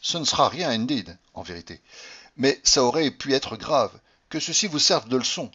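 A man reading aloud and voicing a composed, formal English gentleman who speaks calmly and deliberately, husky-voiced. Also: mid-range voice, exaggerated voice. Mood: cool. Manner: calm, unflappable, formal. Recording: dull lo-fi recording.

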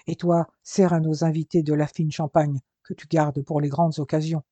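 A narrator voicing a brisk, teasing innkeeper's wife who scolds her husband, in a dull lo-fi recording. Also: medium pitch, flat delivery, mellow, dry recording, close to an everyday voice.

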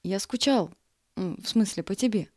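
A woman voicing a quiet, calm kindergarten boy who talks in a gently amused way. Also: mid-range voice, normal speed, no room sound, studio quality, close to an everyday voice.

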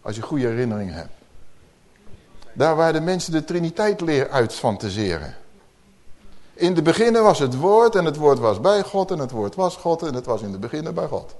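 A man's voice: fairly high pitch, big pitch swings, moderate pace, a little mellow. A man preaching a sermon in a conversational teaching manner, asking the listeners rhetorical questions.

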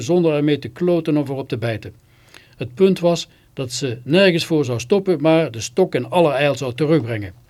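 On literary radio, a man reads a first-person story theatrically and scornfully, breaking into sudden bitter outbursts. His voice is a little high with a darkish tone.

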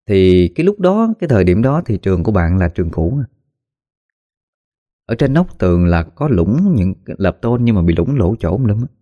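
A man narrating a spooky story in a folksy, animated way, acting out the voices of the people in it. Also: on the low side, dry recording. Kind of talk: spoken ghost story narration.

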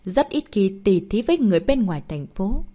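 A woman narrating a martial arts story as an audiobook, reading in an expressive storytelling manner. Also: mid-range voice, fairly quick.

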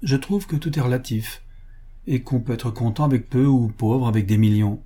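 Calm frank young woman, read by a guy, mellow husky tone, audiobook. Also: medium pitch, moderate pace, lightly acted. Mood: composed. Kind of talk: audiobook character voice.

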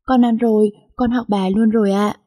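A woman's voice: fairly high pitch, fairly even intonation, a little fast, warm tone, breathy edge. A woman voicing a sweet, affectionate ten-year-old girl in a storybook reading, with an eager, childlike manner. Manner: eager, tearful when frightened.

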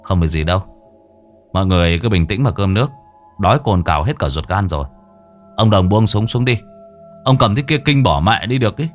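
A man voicing a confident young geomancer who reassures the group briskly. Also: on the low side, animated, faint music behind, lightly acted. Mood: reassuring.

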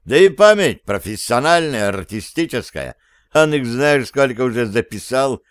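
A man's voice: medium pitch, expressive, normal speed, clean tone, dry recording, studio quality, natural voice. A man voicing a sly, grumbling companion who mocks a comrade in an audiobook. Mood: mocking. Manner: mocking, grumbling.

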